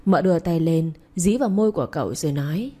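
A woman narrating a romance story in a steady, emotive reading style. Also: fairly low pitch, fast talker.

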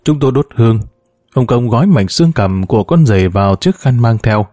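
A man narrating a story in a measured, expressive way. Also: medium pitch, dry recording, clean studio sound.

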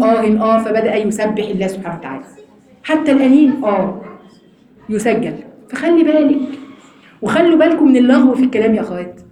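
A woman with an Egyptian accent teaching a Quran lesson to women, explaining quickly and slowing down to recite verses. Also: a little high. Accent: Egyptian Arabic. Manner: fast, animated explaining, slows for recitation. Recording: echoey room.

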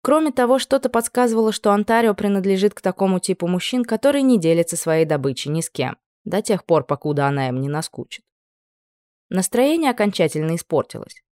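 A woman narrating a first-person novel in a lively, ironic manner. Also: mid-range voice, a little fast, no echo, studio quality. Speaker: audiobook narrator.

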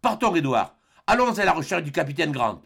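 A man reading an audiobook, voicing a young Scottish noblewoman who pleads with her husband, raised in pitch and eager. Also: sing-song, brisk, creaky, fairly bright tone, breathy edge, exaggerated voice. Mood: ardent. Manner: pleading, rising with enthusiasm.

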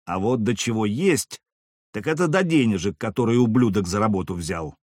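A man's voice: lowish voice, lively intonation, normal speed, a little mellow, dry recording, studio quality. A man voicing a drunk, crude male town guard sergeant who barks his coarse threats. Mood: gloating, threatening. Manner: barking, coarse, suspicious.

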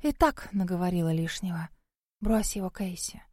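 A sharp-tongued female spirit who has lived for centuries, as a woman reader puts her on. She scolds and sneers in a raised, hushed voice. The reading sounds close and dry. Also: on the high side, normal speed, no echo, lightly acted. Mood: lecturing. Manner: scolding, sarcastic, often hushed.

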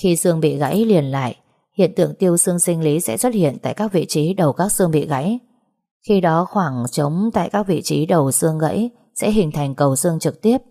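A woman's voice: low voice, expressive, creaky, warm tone, exaggerated voice. A woman doing a precise young forensic expert. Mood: measured. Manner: measured, explanatory.

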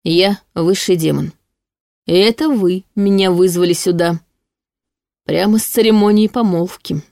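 A woman reading an audiobook voices an arrogant, short-tempered male high demon who growls and snaps his lines. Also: unhurried, creaky, warm tone, no room sound, studio quality. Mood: irritated growl. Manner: growling, snapping.

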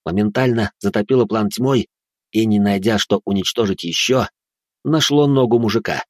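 A man with a lowish voice reading a first-person fantasy audiobook, steady and dramatic in delivery. Close, dry, studio-like sound with no room echo. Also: normal speed. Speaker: audiobook narrator.

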